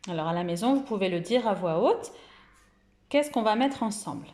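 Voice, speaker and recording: A woman's voice: mid-range voice, expressive, darkish tone, reverberant. A woman from France, a kindergarten teacher, giving a recorded lesson and drawing out each syllable carefully. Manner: slow, carefully articulated, stretches out syllables. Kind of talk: recorded home-school lesson.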